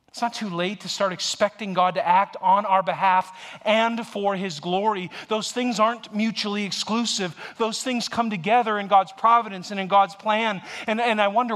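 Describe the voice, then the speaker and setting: Guy in his 40s preaching, kinda high voice, chatty storytelling sermon, gets loud then goes quiet. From United States. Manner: conversational storytelling, rises to emphatic peaks then drops soft and hushed. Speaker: pastor.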